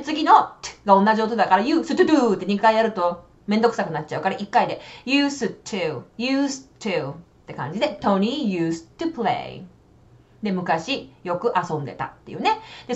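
A woman with a fairly high voice teaches English in a casual, chatty style, switching between explanations in Japanese and slow, carefully spoken English examples. The audio is dull.

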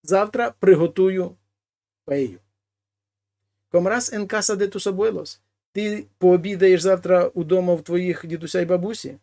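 A man teaching a language lesson: he reads each example phrase, then translates it slowly and explains it. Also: high-pitched, steady tone, creaky, dark tone. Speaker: Spanish teacher.

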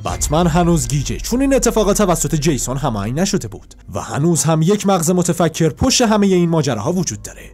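Man retelling a comic, fairly high voice. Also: hardly any pauses, soft background music. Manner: plain steady retelling. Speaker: comic book narrator. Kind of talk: storytelling recap of a comic.

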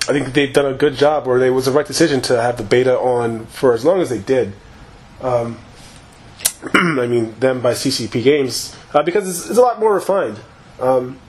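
A gaming YouTuber rambles loosely and profanely over his own gameplay. His medium-pitched voice sounds slightly hoarse after a long session.

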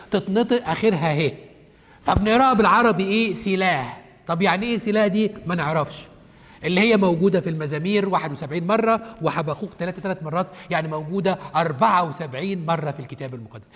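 Fast, high-voiced Egyptian Bible teacher. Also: male voice, in a large hall. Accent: Egyptian Arabic. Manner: asks himself questions and answers them; explains step by step, repeating key points.

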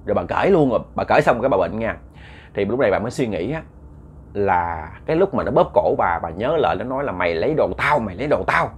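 A man's voice: lowish voice, big pitch swings, fast, a little hiss or hum. A man telling a ghost story in a chatty, casual way. He repeats words often and talks straight to his listeners.

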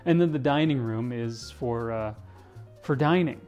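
Young male vlogger, mellow tone, joking house tour, faint music under. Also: medium pitch, measured pace. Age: young adult. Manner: playful, jokey, says "dude" often. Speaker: English teacher vlogger. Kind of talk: casual house-tour vlog. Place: kitchen of a large house, indoors. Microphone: handheld camera, selfie framing.

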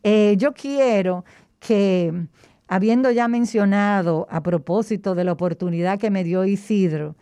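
A woman's voice: mid-range voice, measured pace, mellow, smooth, no room sound. A woman speaking through a face mask, explaining health topics in casual chat, often hesitating and bringing in religious references. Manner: plain explanations with frequent hesitations and restarts.

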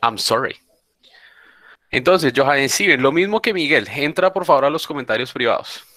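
Bright-voiced teacher on a video call. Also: male voice, mid-range voice, lively intonation, moderate pace, no room sound. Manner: informal, calls students "papá", insistent repeating. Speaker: English teacher. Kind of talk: online class instruction.

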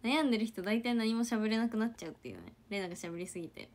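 Woman, casual livestream chat with viewers; chatty, soft murmured asides. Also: on the high side, fast talker. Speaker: idol trainee livestreamer.

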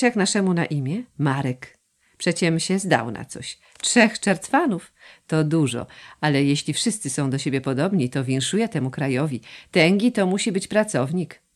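A woman voicing a gracious young heiress in an audiobook, teasing and warm. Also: low voice, lively intonation, unhurried.

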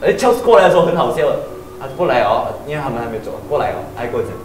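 A man rattles through a story at speed, voice at an ordinary middle pitch. He sits back from the mic in an echoey room with steady noise behind him. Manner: animated, fast storytelling with restarts. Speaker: storyteller in group chat. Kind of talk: casual chat. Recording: roomy, distant mic, noisy.

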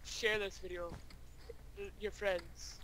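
A man's voice: high voice, little pitch movement, slow. A man making random jokes and goofy remarks while playing a game with friends. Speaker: friend in a gaming session. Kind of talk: casual gameplay chat. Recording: noisy game-chat audio.

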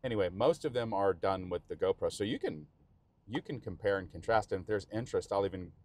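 Chatty low-voiced man in a car. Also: fast talker, a little mellow, no echo. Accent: Texan. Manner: chatty, rambling, self-interrupting. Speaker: vlogger. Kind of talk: casual driving commentary. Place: inside a car driving in rain. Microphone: action camera mounted in car.

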